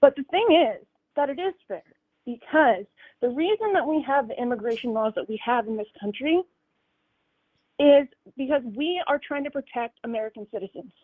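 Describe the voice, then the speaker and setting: High woman caller, metallic phone voice. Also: animated, husky. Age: 20s. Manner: measured, explains point by point. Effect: metallic, robotic-sounding phone line. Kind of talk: phone-in political debate. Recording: tinny metallic phone line.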